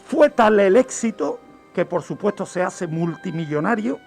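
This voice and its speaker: This radio guest, a criminologist, speaks at normal speed in a high-pitched, animated voice with vocal fry and a slightly mellow quality. He walks listeners through crime history didactically, answering his own questions, with music playing behind him.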